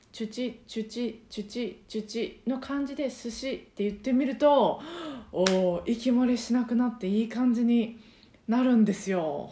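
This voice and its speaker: A chatty woman talks through her points in a soft, breathy voice full of little fillers. Her tone is mellow and warm rather than bright. She sounds as if she is in an echoey room. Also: medium pitch. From Osaka, Japan. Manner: chatty, explanatory, many fillers. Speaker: podcast host and karaoke teacher. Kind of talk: casual solo podcast talk.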